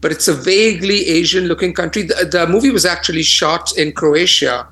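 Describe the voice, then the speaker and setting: A man's voice: on the high side, a little fast. A man, a film reviewer and co-host, talking casually from home over an internet call, his voice crunchy and bitcrushed, with plenty of fillers and restarts. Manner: relaxed, with many fillers and restarts. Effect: crunchy, bitcrushed internet-call audio. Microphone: internet video call.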